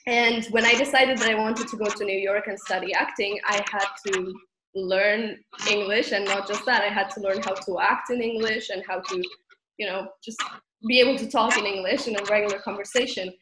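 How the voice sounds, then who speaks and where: A Spanish woman with a Spanish accent is a guest in a casual interview, talking a little fast at a medium pitch. She's animated and laughs often as she speaks, recorded in an echoey room with background noise.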